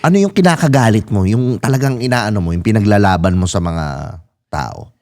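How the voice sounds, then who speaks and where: A man's voice: on the low side, lively intonation, a little fast, a little mellow. A man from the Philippines hosting a casual podcast interview, asking questions frankly and admitting he swears too. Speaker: podcast host.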